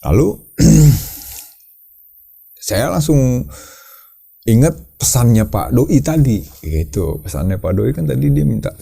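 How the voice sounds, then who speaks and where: A man who leads a caving team, telling his story to an interviewer in a casual, lively way, repeating his words and acting out shouts. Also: medium pitch, slow, gravelly, pauses often, husky.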